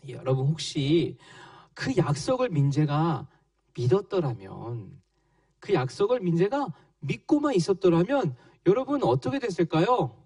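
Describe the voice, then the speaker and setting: A man, a children's pastor, telling a Bible story in a slow, animated way to young children. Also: high voice, no echo, clean studio sound, recorded from a distance. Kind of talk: children's sermon.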